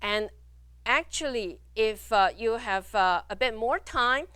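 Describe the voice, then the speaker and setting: Slow, bright-voiced woman teaching. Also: on the high side, animated, clear, resonant tone, dry recording. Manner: slow, careful demonstration of sounds. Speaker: Mandarin teacher. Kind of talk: classroom lecture.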